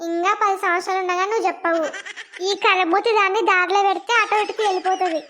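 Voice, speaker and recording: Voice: very high voice, steady tone, fast talker, bright, forceful tone, slight background noise. A voice actor playing a blunt, teasing young village friend in a cartoon, with a Telangana accent. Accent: Telangana Telugu.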